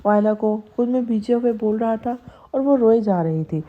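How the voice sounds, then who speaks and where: A woman narrating a romance audio novel in steady, dramatic scripted storytelling. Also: a little high, narrow, tinny audio.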